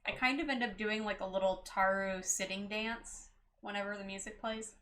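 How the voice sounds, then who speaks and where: A woman's voice: medium pitch, steady tone, moderate pace, fairly bright tone. Playful giggly woman streamer. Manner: playful, giggly, jokes about mispronouncing names. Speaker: game streamer. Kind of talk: casual gameplay chat.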